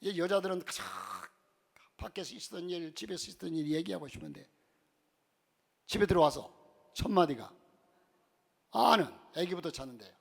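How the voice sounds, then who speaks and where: A male pastor preaching a sermon in a church, mixing humorous stories into his message and swinging between loud and soft delivery. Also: high voice, animated, fairly quick, vocal fry, pauses often.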